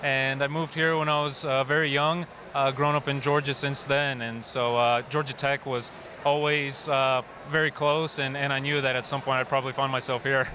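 A young man originally from Bulgaria, answering interview questions in a measured, thoughtful way. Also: medium pitch, level tone, bright, forceful tone, slight background noise. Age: young adult. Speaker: graduate being interviewed. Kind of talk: casual interview.

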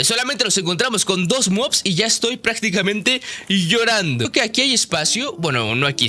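A young man doing excitable live gameplay commentary, talking straight to his viewers and breaking into surprised exclamations. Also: sits high. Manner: addresses viewers directly as friends. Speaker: gaming video creator.

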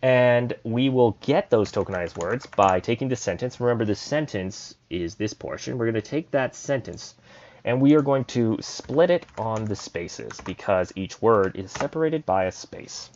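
A man's voice: mid-range voice, animated, moderate pace, a little mellow, highs cut off. A man casually explaining code in a screen-recorded programming tutorial, thinking aloud as he types.

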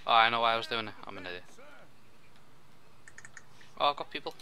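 A young man chatting while playing a co-op strategy game, excitable, with quick outbursts and laughs. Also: mid-range voice. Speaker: co-op gameplay commentator. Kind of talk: casual gaming chat.

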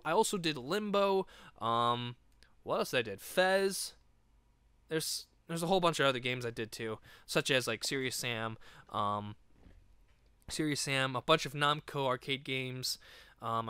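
A man hosting a let's play, chatting loosely through the game with plenty of ums and restarts. His voice is bright and crisp, with a slightly raised pitch. The recording is dry and close. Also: no room sound. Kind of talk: casual gameplay commentary.

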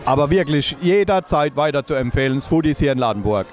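A man's voice: fairly high pitch, animated, quick pace. A man in his forties, a guest at a New Year's Eve party, answering an interviewer with enthusiasm. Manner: enthusiastic, praising. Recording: loud music and crowd.

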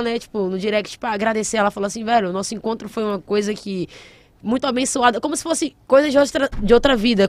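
Fast-talking young woman singer. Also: fairly high pitch, no room sound. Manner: animated, emotional, uses slang like mano and velho. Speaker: singer, interview guest. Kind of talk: casual interview storytelling.

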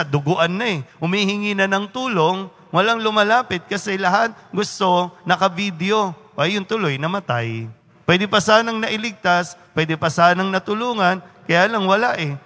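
A man's voice: sits high, pushed and bright. A man, a priest, giving a homily at Mass and asking the congregation questions. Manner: asks the congregation questions, quotes people aside. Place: church. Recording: church hall reverb.

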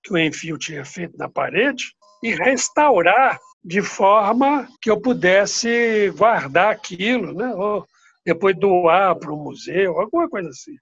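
Speaking from indoors at home through his laptop webcam, a father casually reminisces about family stories, hesitant and often trailing off. His voice is high, animated, a little slow and slightly rough, fairly bright with vocal fry, and the call audio is dull and lo-fi.

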